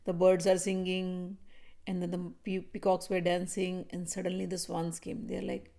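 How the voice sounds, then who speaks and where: Gravelly-voiced woman telling devotional stories. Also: fairly low pitch, monotone, moderate pace, warm tone. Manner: vivid storytelling, acts out characters' voices; speaks directly to listeners, conversational asides. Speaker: spiritual teacher leading a satsang. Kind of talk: devotional storytelling talk.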